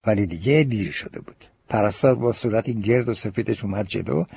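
A man's voice: fairly low pitch, vocal fry, slightly rough, dry recording, full character voice. A male narrator voicing a boastful young man telling a tale to a café crowd, in an audiobook. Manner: grandiose, theatrical address. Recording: dull lo-fi recording.

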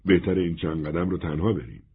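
A man voicing a gentle, melancholy wandering man in a soft, husky, resigned tone. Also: low voice, steady tone. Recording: narrow phone-like band.

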